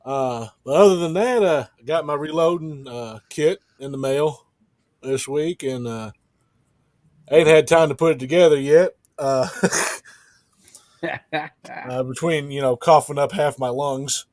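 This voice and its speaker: A man's voice: a little high, a little slow, long pauses, darkish tone, no echo, clean studio sound. A man sick with a cough, chatting casually and laid-back on a podcast. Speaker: podcast co-host.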